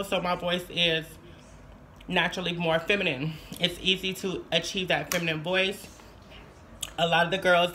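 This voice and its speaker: A woman's voice: lowish voice, sharp tone, slight background noise. A young adult woman vlogger giving casual tips, chatty and repeating phrases for emphasis. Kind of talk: casual tutorial chat.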